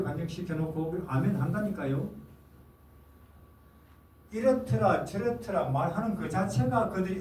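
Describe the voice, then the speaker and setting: High-voiced emphatic older man preaching. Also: darkish tone. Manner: earnest, emphatic, asks and answers his own questions. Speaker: missionary preacher. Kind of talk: sermon. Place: forum hall. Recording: roomy hall, mic at a distance, faint noise.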